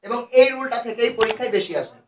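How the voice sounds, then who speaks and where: A Bangladeshi man teaching English grammar. He explains each rule step by step and reads the example phrases out slowly. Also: extremely high pitch, a little hiss or hum. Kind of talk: grammar lesson. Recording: echoey room, mic at a distance.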